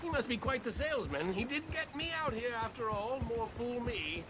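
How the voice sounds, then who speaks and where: A woman's voice: fairly high pitch, lively intonation, moderate pace, a crowd in the background, natural voice. An actress playing a stranded, haughty and chatty lady from New York City in an Old West video game, theatrical, genteel and wordy. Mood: disdainful. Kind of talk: video game period drama acting.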